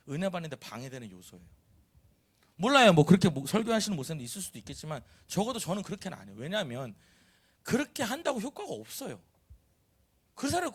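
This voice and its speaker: A man preaching a sermon in a church, animated and teasing, acting out quoted voices. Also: high-pitched, breathy edge. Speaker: pastor. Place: church sanctuary.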